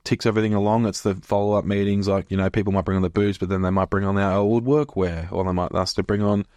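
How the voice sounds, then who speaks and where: A man's voice: fairly low pitch, flat delivery, quick pace, darkish tone, no room sound. A man with a broad Australian accent chatting casually on a podcast as co-host, blokey and full of informal slang. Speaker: business owner and podcast co-host. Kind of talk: casual conversational podcast chat.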